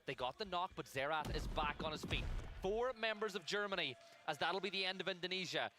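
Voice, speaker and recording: A man doing energetic play-by-play commentary on a live esports match. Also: sits high, a little fast, noisy background. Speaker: esports caster. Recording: loud game audio behind.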